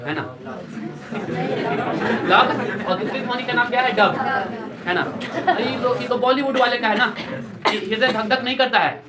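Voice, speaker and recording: A man's voice: extremely high pitch, moderate pace, long pauses, a loud crowd. Guy teaching a class, keeps asking questions and repeating the answers back, echoey classroom, mic kinda far off. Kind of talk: classroom lecture. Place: classroom with students. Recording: echoey classroom, distant mic, students heard.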